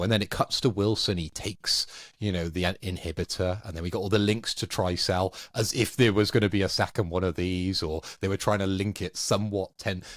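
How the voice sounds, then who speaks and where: A man in a casual movie review chat, explaining calmly with fillers. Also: deep voice, no room sound, studio quality. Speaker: podcast co-host.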